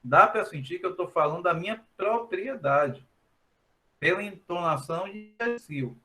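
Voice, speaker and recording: A math teacher, talking through a recorded lesson at an easy explaining pace. His voice is bright and ringing, sitting a bit high for a man. He repeats his points and keeps tagging them with a questioning "né?". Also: animated, moderate pace, faint music behind. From Brazil.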